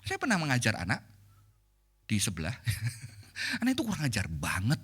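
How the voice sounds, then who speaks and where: A middle-aged man preaching a sermon at a church prayer service, talking in a lively, conversational way and dropping in English phrases. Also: medium pitch, moderate pace, slightly rough.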